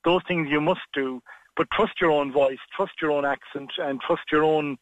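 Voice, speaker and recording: A man's voice: fairly high pitch, moderate pace, dry recording, muffled recording. Frank, rambling man on a radio line. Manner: frank, discursive, with frequent fillers and restarts. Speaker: interview coach. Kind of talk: radio phone-in advice.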